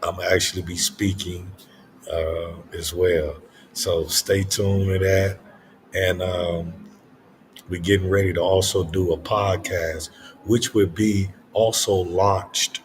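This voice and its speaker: Older male host, unhurried and deep, thinking aloud in a casual late-night monologue with repeated phrases. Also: level tone, noisy background. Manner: reflective, halting, repeats phrases for emphasis.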